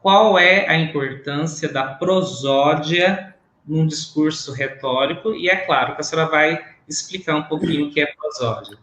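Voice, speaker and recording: A man's voice: fairly high pitch, normal speed, fairly bright tone. A man interviewing a guest in a live online talk, asking his questions formally and politely over a video call. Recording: roomy, faint background noise.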